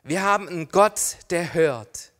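High-voiced preaching man, loud to hushed. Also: expressive, unhurried. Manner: dynamic preaching, swings from loud calls to hushed near-whispers; addresses listeners directly with repeated questions. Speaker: pastor. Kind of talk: sermon.

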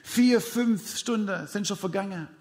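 A man's voice: sits high, measured pace, a little mellow. A man preaching a sermon, retelling a story dramatically with repeated counting and speaking directly to his congregation.

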